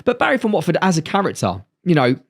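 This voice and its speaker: A man's voice: high-pitched, huge pitch swings, fast talker. A man hosting a radio interview, asking long, enthusiastic, rambling questions. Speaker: radio host. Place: radio studio.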